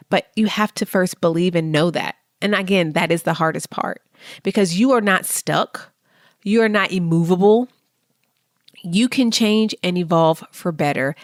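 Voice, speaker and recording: A woman hosting a podcast, giving a motivational monologue with slow, deliberate affirmations spoken straight to the listener. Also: fairly low pitch, no room sound, clean studio sound. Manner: encouraging, speaks directly to the listener. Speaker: podcast host.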